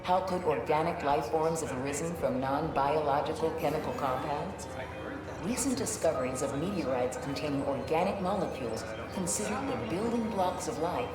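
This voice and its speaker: An actress voicing a calm building announcer in a video game, giving soft, polite public-address announcements over lobby speakers. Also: female voice, deep voice. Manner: measured, informative, polite. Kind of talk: scripted video game dialogue. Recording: echoey hall speaker with loud game music.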